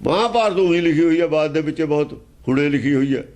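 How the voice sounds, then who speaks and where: A man's voice: a little high, fast, darkish tone. A man teaching scripture in an emphatic, argumentative way, asking pointed rhetorical questions. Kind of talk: explaining scripture verse by verse.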